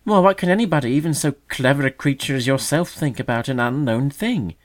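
A man's voice: medium pitch, fairly quick, voice pushed up, lightly acted. A sneering know-it-all magpie, as a man puts him on. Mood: mocking. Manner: sneering mock solemnity. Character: mocking conceited older male magpie.

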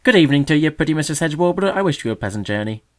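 A man's voice: mid-range voice, expressive, normal speed, pitched above the performer's own voice, close to an everyday voice. A man voicing a conceited older male magpie who mocks with fake solemnity, raised and pointed. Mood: mocking. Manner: sneering mock solemnity.

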